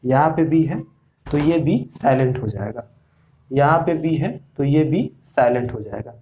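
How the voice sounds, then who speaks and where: A man's voice: medium pitch, animated, dark tone, a little hiss or hum. A man teaching a lesson, explaining step by step and asking the class quiz questions. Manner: slow, repetitive explaining with quiz questions to students.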